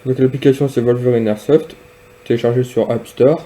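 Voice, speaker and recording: A man casually demonstrating and reviewing a piece of gear, speaking hesitantly with frequent pauses and fillers. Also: mid-range voice, steady tone, mellow, slight background noise. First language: French. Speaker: product reviewer.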